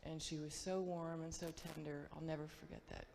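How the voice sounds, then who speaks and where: Flat-voiced woman in an echoing hall. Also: low voice, brisk, gravelly, slight background noise. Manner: brief, earnest, with fillers. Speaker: memorial speaker. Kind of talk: memorial anecdote. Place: school auditorium. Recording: long hall reverb, faint ambience.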